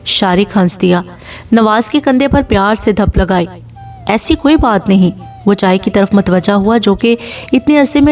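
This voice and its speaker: A woman reading a romance audio novel as narrator in a steady, expressive way. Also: mid-range voice. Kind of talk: scripted story narration. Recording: distant mic with faint background music. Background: faint music.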